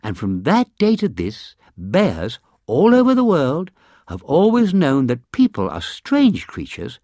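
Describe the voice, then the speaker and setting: Narrator for a kids' fairy tale, very animated, swoops up and down in pitch. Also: measured pace, dry recording, studio quality. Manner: expressive, voices each size with changing pitch. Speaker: storyteller. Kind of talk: children's storybook reading.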